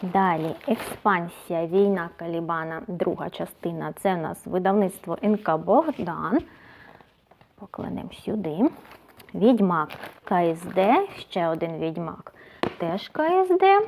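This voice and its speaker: A woman's voice: on the low side, animated, measured pace, darkish tone, slight background noise. Chatty woman book blogger sorting books. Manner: chatty, thinks aloud, often says "so" between items. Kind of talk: casual vlog, sorting books aloud.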